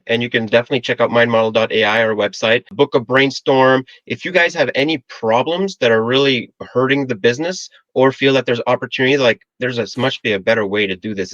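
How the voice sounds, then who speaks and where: A man's voice: mid-range voice, fairly bright tone, no echo, lo-fi sound. A man in his forties from the Philippines, a podcast guest talking in a friendly, joking way. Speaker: guest, AI consultant. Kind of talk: casual interview chat.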